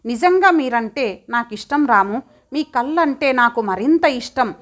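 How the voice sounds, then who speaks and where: Woman reading a devoted young woman in love, soft and pleading, high voice, audio storybook. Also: lively intonation, measured pace.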